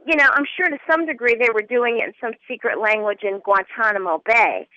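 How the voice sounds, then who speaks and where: A woman's voice: a little high, brisk, pushed and bright, no echo. A woman guest on a political talk radio show, speaking earnestly and growing indignant. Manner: earnest, rising to indignant emphasis. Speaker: guest commentator. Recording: muffled phone-line audio.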